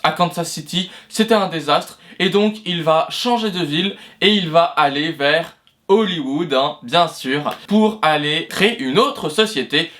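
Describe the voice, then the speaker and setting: A man hosts an explainer video in a voice that is a little high, a bit bright, and a little slow. He talks it through casually, with many fillers and restarts and the occasional self-mocking aside.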